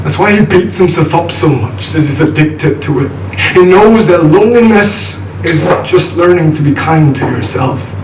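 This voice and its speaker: A man's voice: fairly high pitch, animated, moderate pace, hardly any pauses. A young man from Nepal performing spoken word poetry at a live student event, with a rhythmic, intense and wry delivery. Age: young adult. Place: live venue with an audience. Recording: echoey room from a distance, noisy.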